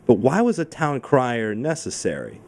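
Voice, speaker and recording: Casting: male radio host, medium pitch, conversational interviewer. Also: huge pitch swings, normal speed, vocal fry, darkish tone. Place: radio studio. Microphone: studio microphone.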